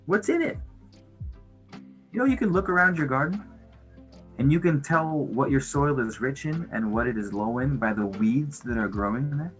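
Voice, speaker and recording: A man's voice: mid-range voice, animated, normal speed, soft background music. A man hosting a casual livestream, rambling in a laid-back, slangy stoner way with some swearing. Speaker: livestream host chatting with viewers.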